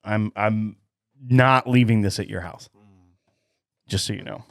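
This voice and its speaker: In a casual chat, a podcast co-host with a lowish voice and vocal fry tells long family stories at a measured pace, laughing often. The recording is studio quality, with no room sound.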